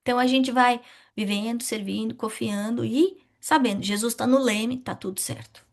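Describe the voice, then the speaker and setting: A middle-aged woman teaching a spiritist study class, asking questions and answering them herself in a lively way. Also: on the high side, normal speed.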